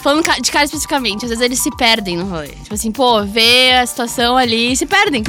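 A woman speaks bluntly and breaks in with quick remarks in a casual panel chat. Her voice is high, lively and bright, over faint background music. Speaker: podcast panelist.

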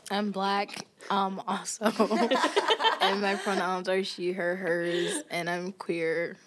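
A playful young woman in her twenties co-hosts a casual student podcast. Her voice sits at a middling pitch and she keeps the chat lively. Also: slow, heavy background noise. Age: 20s.

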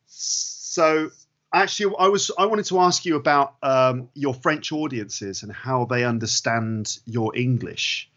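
Man, guest on video call, dull lo-fi sound, relaxed friendly chat. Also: mid-range voice, takes it slowly. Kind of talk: casual chat.

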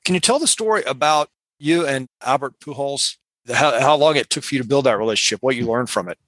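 A man hosts a podcast interview in a dry, close-miked sound. He builds his questions slowly, listing examples before he gets to the point. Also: medium pitch, fairly bright tone, no room sound. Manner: long, rambling setups to his questions. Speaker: podcast host.

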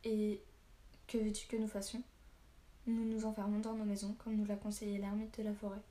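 Gruff, stern tavern keeper, read by a woman, blunt and flat-voiced in a storybook reading. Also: medium pitch, brisk, close to an everyday voice. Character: gruff middle-aged male tavern keeper.

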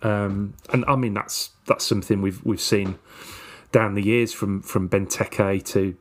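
A man with a fairly low, fairly flat voice co-hosts a casual football chat reviewing a match at a measured pace. His speech is hesitant, peppered with fillers and repeated words.

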